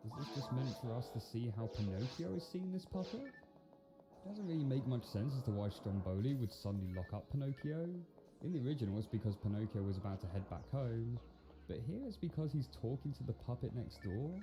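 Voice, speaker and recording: Sarcastic man reviewing films, lively delivery. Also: mid-range voice, brisk. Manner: sarcastic, incredulous. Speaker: video commentator and film critic. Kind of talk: scripted film review commentary. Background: music.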